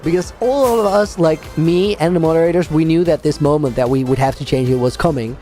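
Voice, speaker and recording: Chatty male game streamer, slightly high voice. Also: a little fast, warm tone, faint music behind. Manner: chatty, rambling, laughs often, reads out viewer names. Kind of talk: casual livestream chat while playing a game.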